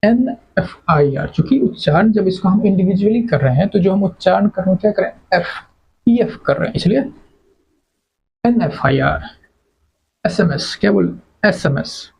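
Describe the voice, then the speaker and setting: A man's voice: sits high, expressive, normal speed, gravelly, a little mellow, husky, low-quality recording. A man teaching English grammar to exam students, repeating words and quizzing the class with questions. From India. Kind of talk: classroom lecture.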